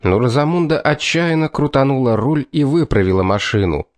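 A man narrating an audiobook in a steady, even storytelling manner. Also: medium pitch, normal speed, no echo. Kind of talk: scripted narration.

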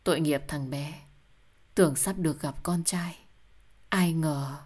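A woman voicing a worried middle-aged husband and father who talks calmly and soothingly. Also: sits low, measured pace, slightly rough. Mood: steady.

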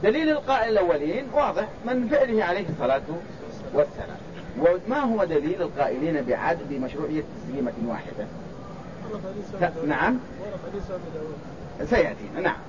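A man's voice: sits high, very animated, brisk, long pauses, crowd noise. A man teaching a religious text in a classroom lecture, restating his points and quizzing his students. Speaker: sheikh teaching a hadith commentary. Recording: dull lo-fi sound with loud background noise.

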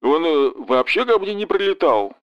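A man's voice: a little high, big pitch swings, normal speed, clean tone, dry recording, muffled recording, voice pushed up. A man voicing an easygoing gum-chewing businessman with a southern Russian accent and a hesitant, casual way of talking.

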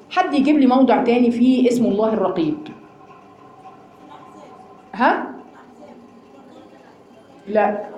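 An Egyptian woman teaching a religious lesson to a class of women, animated and asking them rhetorical questions. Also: fairly high pitch, echoey room. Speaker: Quran teacher.

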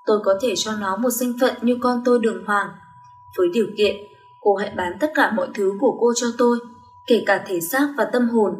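A woman's voice: on the high side, a little fast, faint music behind, lightly acted. A woman voicing a cold, proud rich young man who is a company chairman, speaking curtly. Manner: curt and commanding. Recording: roomy echo.

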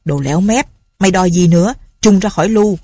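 A blustering village sergeant barks out orders, as a woman reader puts him on. The voice sits low and husky. It is recorded dry and close. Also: brisk, dark tone, no echo. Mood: gruff. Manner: gruff, barking orders. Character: blustering male colonial-era village police sergeant.

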